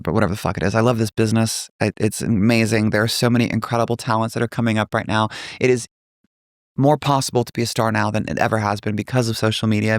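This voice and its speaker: Blunt, lower-voiced man on a podcast. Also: no room sound, clean studio sound. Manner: blunt, emphatic, heavy swearing. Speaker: podcast host. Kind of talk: casual podcast chat.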